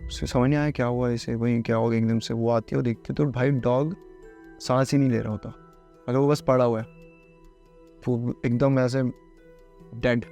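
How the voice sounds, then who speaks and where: Guy telling a creepy story casual, mellow voice, faint music underneath. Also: medium pitch, fairly even intonation, moderate pace, pauses often. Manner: chatty, addresses listener as bhai. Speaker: horror storyteller.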